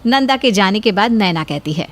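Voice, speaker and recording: A woman narrates a scripted story at a moderate pace, her mid-range voice full of lively intonation.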